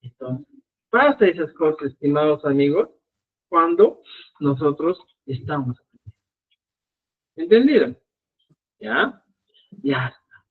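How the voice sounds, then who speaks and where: A man's voice: a little high, slow, pauses often, breathy edge. A man teaching a live online language lesson, speaking to his students and often stopping to check that they follow. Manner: animated, repeats checks like "¿ya?" to students. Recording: narrow phone-like audio.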